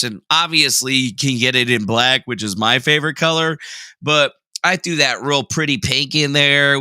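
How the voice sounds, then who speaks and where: A young livestream host chats casually, reading viewer messages aloud and reacting with jokey, sarcastic, self-mocking humor. His mid-range voice is pushed and bright, with a clean tone and no room sound.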